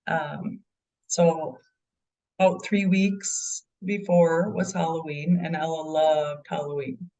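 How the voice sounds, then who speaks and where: A bereaved middle-aged mother, appearing as a guest, answers interview questions earnestly with frequent ums. Her voice is lowish, captured by a distant mic in a low-quality recording.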